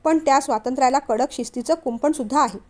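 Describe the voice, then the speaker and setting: A woman's voice: high-pitched, quick pace, a little mellow, natural voice. A woman reading as a firm young man. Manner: firm, earnest. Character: young man, firm devoted son, steady.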